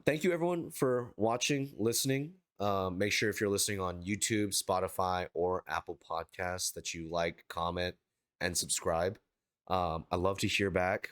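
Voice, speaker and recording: Low-voiced man hosting a golf podcast. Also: no room sound. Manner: upbeat, filler-heavy. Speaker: podcast host. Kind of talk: casual podcast chat.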